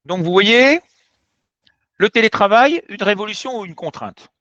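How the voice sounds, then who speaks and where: A French teacher gives an explanatory lesson, speaking straight to his viewers in a direct, emphatic, animated way. His high, bright voice swings widely in pitch, and he takes his time with a forceful tone. The recording is dry with no echo, but sounds dull and slightly muffled.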